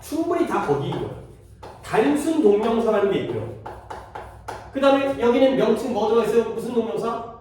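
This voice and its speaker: High, lively male teacher quizzing students. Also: fairly quick. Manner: quizzes students, repeats key terms. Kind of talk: classroom grammar lesson. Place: classroom at a cram school. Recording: echoey classroom, voice from far off.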